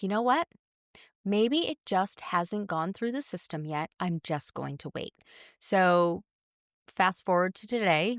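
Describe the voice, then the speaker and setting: A woman's voice: lowish voice, fairly bright tone, no echo, studio quality. A woman podcast host telling a story in a chatty, exasperated way and quoting the people she dealt with. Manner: chatty, exasperated, quotes others in quick asides. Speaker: podcast host and running coach. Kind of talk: casual storytelling monologue.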